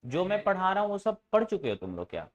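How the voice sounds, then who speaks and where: A man's voice: high voice, huge pitch swings, fast, dull audio. A man teaches a class, his voice rising and falling a lot as he fires questions at the students and answers them himself. He stays informal with the class and teases them at times. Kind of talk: classroom lecture.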